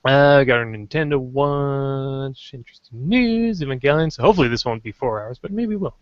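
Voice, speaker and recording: A man's voice: mid-range voice, normal speed, no echo. A man hosting a casual podcast, joking and rambling as he tries out silly intros. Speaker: podcast host. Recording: dull lo-fi dry sound.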